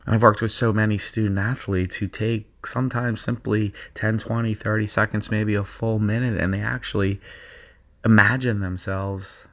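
A man with a low, gravelly voice leads a guided visualization for athletes. He speaks in a slow, soothing, hypnotic rhythm and keeps repeating phrases so they settle in. The pitch sits low and a rough fry runs through his words. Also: fairly even intonation, a bit bright. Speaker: sports performance coach.

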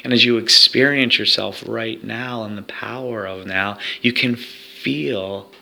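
A man's voice: lowish voice, fairly even intonation, a little slow, gravelly, pushed and bright. A man leading a guided hypnosis recording for athletes, speaking in a soothing, repetitive hypnotic way.

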